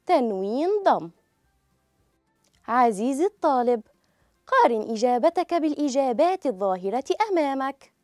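A woman teaching a children's grammar lesson, speaking slowly and clearly and drawing out each example word for pupils to repeat. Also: sits high, sing-song, darkish tone, no echo, studio quality, faint music behind. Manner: clear, drawn-out model pronunciation.

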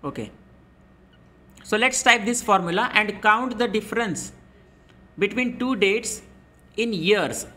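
A man's voice: sits high, slow pace, pauses often, bright, forceful tone. A man in his twenties explaining step by step in a spreadsheet tutorial. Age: 20s. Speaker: instructor. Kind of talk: screen-recorded spreadsheet tutorial.

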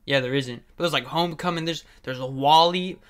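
A man's voice: on the high side, fairly quick, a bit bright. A young man hosting a reaction video, talking in a laid-back, slangy, profane way. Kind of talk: casual reaction commentary.

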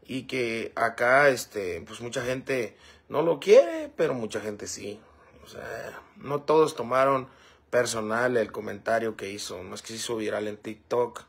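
A man's voice: mid-range voice, lively intonation, unhurried. A man hosting a casual livestream, reading viewer comments aloud and rambling with many fillers. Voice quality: gravelly, husky. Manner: rambling, fillers like "este" and "¿verdad?".

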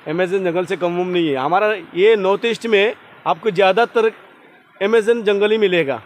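A man filming a casual travel vlog outdoors by a loud waterfall, excited and jokey, often repeating himself. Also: high voice, normal speed. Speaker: vlogger. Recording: noisy outdoor recording. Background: waterfall roar and ambience.

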